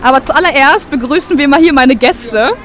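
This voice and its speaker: High-voiced woman reporter on a busy square. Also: moderate pace, a bit bright. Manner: patient, encouraging, asks simple questions. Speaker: reporter interviewing children. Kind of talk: casual on-the-street interview. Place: busy outdoor town square. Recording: outdoor crowd and music behind.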